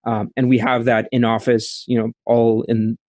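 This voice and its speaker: A man in his thirties from Costa Rica with a Costa Rican accent, answering interview questions over a video call, speaking haltingly with many restarts. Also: mid-range voice, little pitch movement, darkish tone, dry recording. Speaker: startup founder. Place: small room at home, indoors. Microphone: studio mic with headphones.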